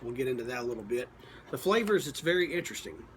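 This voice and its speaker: Man, mid-pitched voice, casual review, halting and folksy, plain-spoken, noticeable background noise. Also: very animated. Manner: halting, thinking aloud. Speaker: pipe tobacco reviewer. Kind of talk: casual product review, unscripted talk.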